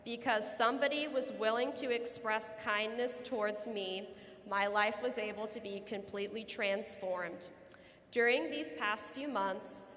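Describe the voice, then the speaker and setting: A woman's voice: medium pitch, a bit bright. A young woman in her late teens giving an earnest, prepared podium speech as a student at graduation. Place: large indoor room at a graduation ceremony. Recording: long hall reverb.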